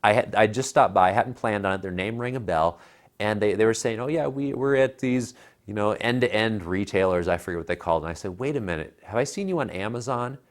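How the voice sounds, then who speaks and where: On a tech show filmed in a home living room, an American man in his thirties reviews home theater equipment in a relaxed, conversational manner. His voice is fairly low and his pace fairly quick, picked up by a lapel mic.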